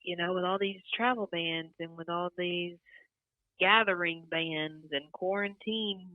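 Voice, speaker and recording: A country singer from North Carolina talking on a telephone line in a casual interview, chatty and quick to laugh. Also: female voice, fairly low pitch, steady tone, no echo. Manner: chatty, laughs often between points. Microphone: phone. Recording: dry, tinny telephone line.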